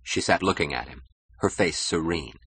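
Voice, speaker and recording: Low, husky male audiobook narrator. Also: normal speed, a bit bright, no room sound.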